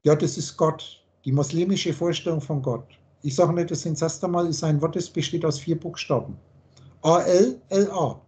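A man's voice: on the high side, moderate pace, warm tone. A man lecturing on a video call and explaining the meaning of words letter by letter, in the manner of a spiritual teacher. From Germany.

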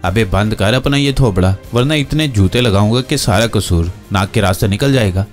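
A man voicing a gruff, bullying middle-aged jailer who sneers and threatens. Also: lowish voice, moderate pace, soft background music, lightly acted. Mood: scornful bully.

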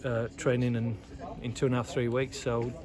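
A man's voice: medium pitch, flat delivery, moderate pace, crowd noise. A middle-aged man, an assistant football manager giving a post-match interview outdoors, talking hesitantly with many fillers and repeated words. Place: outdoors at a football ground by terrace steps. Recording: loud outdoor noise, traffic.

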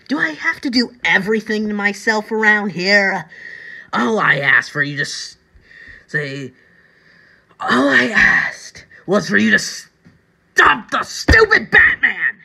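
A woman voicing a manic, taunting male comic-book villain clown, theatrical and raspy, with drawn-out, swooping delivery. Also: mid-range voice, big pitch swings, bright, forceful tone, voice pushed up, exaggerated voice. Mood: furious. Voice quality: raspy, strained. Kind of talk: amateur audition reading of video game villain lines.

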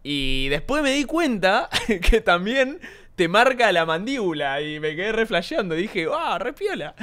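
Young Argentine male streamer, rambling casual chat, slightly high, smooth and clean voice. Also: sing-song, a little slow, a bit bright. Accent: Argentine Spanish. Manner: rambling, slangy, swears a lot.

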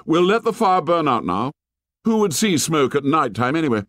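A man voicing a bossy, boastful boy who gives orders in a brisk, commanding way. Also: a little high, big pitch swings, a bit bright, no room sound, clean studio sound, pitched above the performer's own voice.

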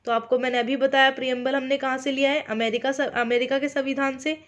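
An Indian woman teaching an online exam-prep lecture, speaking slowly on purpose and often checking in with her listeners. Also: sits high, flat delivery, highs cut off. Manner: mixes English terms into her explanations.

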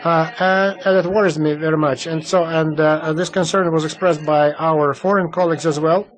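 A man giving simultaneous interpretation at a panel discussion, halting, with many fillers and restarts. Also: fairly high pitch, steady tone, low-quality recording. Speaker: conference interpreter.

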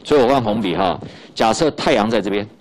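A middle-aged man with a Taiwanese Mandarin accent teaching high school physics in a recorded lecture, chatty, tagging lines with little fillers and repeating key points. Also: animated, fast talker.

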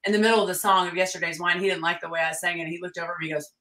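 A woman with a bright, forceful voice tells stories in an animated way, with sudden loud bursts when she acts out quotes. She sits a little back from the mic, so the voice sounds slightly distant. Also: on the low side, very fast, roomy sound. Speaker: country singer and fiddler, guest. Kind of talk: storytelling interview chat.

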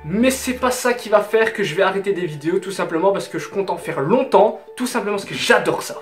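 An eighteen-year-old YouTuber from Hainaut in southern Belgium answers viewer questions, chatting casually and emphatically to camera in a Belgian French accent. His voice sits high, with lively intonation and a brisk pace. He's indoors in a small bedroom that sounds roomy, with music playing underneath.

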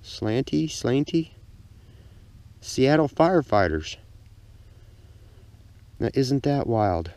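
An older man casually narrating his metal detecting outdoors on a lakeside beach, easygoing and excited at each find, recorded on a body-worn camera. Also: mid-range voice, slow, long pauses, no echo. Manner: easygoing, excited exclamations at finds. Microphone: action camera worn on the body.

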